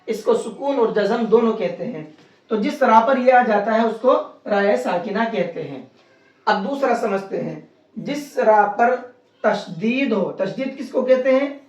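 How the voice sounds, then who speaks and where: A Quran recitation teacher giving a slow, step-by-step tajweed lesson, spelling out letters and vowel marks one by one and then repeating the joined word, with frequent rhetorical questions. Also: medium pitch. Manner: patient, repetitive explaining with frequent rhetorical questions. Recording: roomy, distant and dull-sounding.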